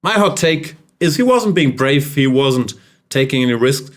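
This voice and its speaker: A man's voice: medium pitch, lively intonation, normal speed. A man hosting a casual chess podcast, wry and joking as he introduces guests and recaps games. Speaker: podcast host.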